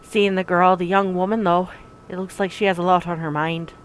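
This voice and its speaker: A woman reading first-person narration from a visual novel aloud in an even, reflective way. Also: lowish voice, fairly quick, smooth, low-quality recording. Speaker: let's play narrator.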